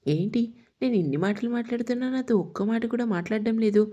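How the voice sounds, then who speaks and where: A woman's voice: fairly high pitch, fast, warm tone, lo-fi sound, close to an everyday voice. A woman doing a scheming, taunting jealous rival. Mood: mocking. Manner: mocking, taunting.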